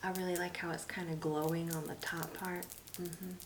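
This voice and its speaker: A woman doing a soft-spoken ASMR role-play as an easygoing art consultant, musing and hesitant as she talks. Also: lowish voice, little pitch movement, normal speed. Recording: distant mic, loud noise, typing and clicks. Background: typing, clicking and tapping.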